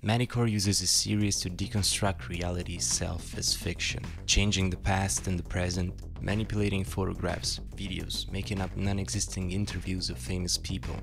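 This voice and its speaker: Dry in tone and given to wry asides, a man with a very low, creaky voice delivers scripted essay narration while music plays plainly underneath.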